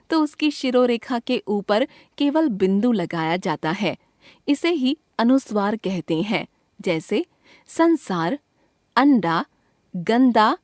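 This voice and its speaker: A woman teaching from a school textbook, reading it out slowly and deliberately, spelling out each letter and example. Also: a little high, no echo, studio quality.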